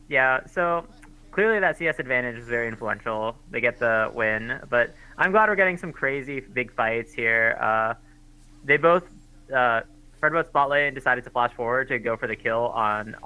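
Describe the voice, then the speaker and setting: A man gives color commentary on a live esports match in a very bright, sharp voice. His delivery is casual and hesitant, full of fillers as he works through his thoughts. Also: mid-range voice, clean tone, poor audio.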